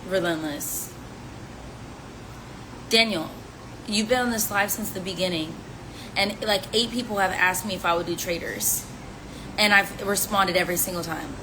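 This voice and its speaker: Here the woman, in her twenties, has a lowish voice, moves at normal speed, and pauses often. She's casually chatting and teasing on a live stream, answering fan questions with playful rhymes, recorded on a phone amid background noise.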